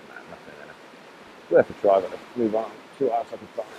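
A man giving a quiet, pleased running commentary to himself while fly fishing outdoors, recorded on an action camera. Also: lowish voice, lively intonation, normal speed, muffled recording. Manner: quiet, pleased, talking to himself between casts. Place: outdoors by a stream in a valley. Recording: outdoor camera audio with faint stream noise. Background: running stream and wind.

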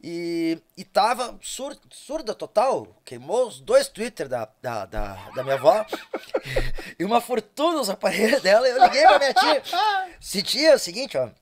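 A man's voice: high-pitched, unhurried. A man with a southern Brazilian accent from Rio Grande do Sul, an accordion player telling jokey stories in a casual podcast chat. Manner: animated, jokey storyteller who laughs a lot.

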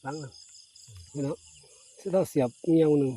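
Rural vlogger, male, Isan accent, mellow voice, slightly high, outdoors at night, faint crickets. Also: brisk. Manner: chatty, keeps calling viewers brothers and sisters. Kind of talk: casual narration to viewers. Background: crickets and insects.

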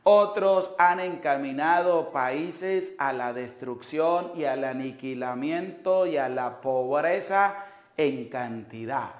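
A priest in his thirties delivers a sermon from a chapel altar, speaking into a lapel mic. His voice sits a little high and moves at a slow, deliberate pace, and he keeps coming back to pointed rhetorical questions. The chapel gives everything a roomy echo. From Venezuela. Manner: emphatic, repeats rhetorical questions. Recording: echoey chapel.

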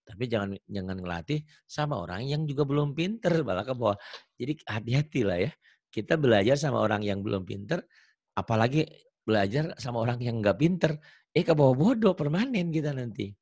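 A man's voice: mid-range voice, expressive, brisk, darkish tone, no echo. A male Quran reading teacher giving an online tajwid lesson, patiently explaining and repeating letter sounds.

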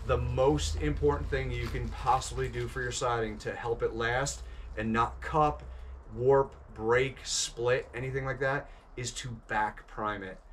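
Methodical man, mid-pitched, explains building methods step by step outdoors, faint outdoor hum behind him. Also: a bit bright. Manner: methodical, measured. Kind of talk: explanatory walkthrough.

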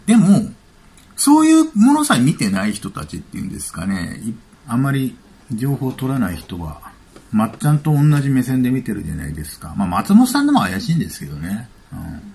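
A man's voice: mid-range voice, huge pitch swings, a little fast, creaky, darkish tone, slightly rough. A man giving casual spoken commentary as a YouTube commentator, chatty and offhand, thinking aloud.

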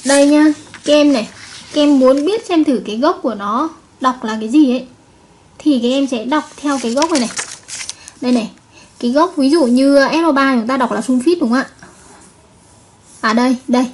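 A woman's voice: sits high, brisk, long pauses, a little hiss or hum. A woman chemistry teacher giving a recorded video lesson, patiently repeating each point and checking with her students.

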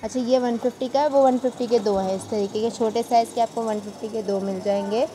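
Chatty and enthusiastic, a woman with a Pakistani Urdu accent films a market tour vlog, walking through busy indoor shops and questioning shopkeepers on prices. She talks fairly quickly in a slightly high, steady voice while market noise carries behind her.

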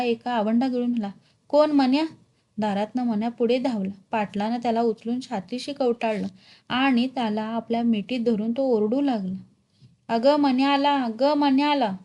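A woman narrating a short story aloud with expressive storytelling that carries village dialect. Her voice is mellow and warm, sitting a little high for a woman.

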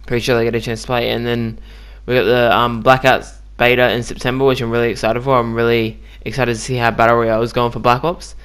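A man's voice: medium pitch, level tone, fast, few pauses, fairly bright tone, clean tone. A man giving casual, chatty commentary on a video game he just played, with lots of ums and likes. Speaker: gaming YouTuber.

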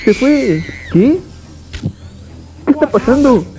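A host reacting to an animated video, chatting casually, laughing often and crying out in mock dismay. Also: sits high, slow pace, slight background noise.

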